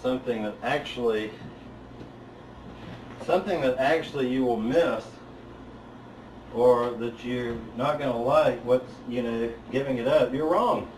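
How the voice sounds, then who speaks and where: A man giving a live spiritual talk in an auditorium. He speaks bluntly, swears freely, builds to loud emphatic peaks and then drops back down low. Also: unhurried, long pauses, echoey room, a little hiss or hum, poor audio. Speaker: spiritual teacher. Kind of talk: live motivational talk to an audience.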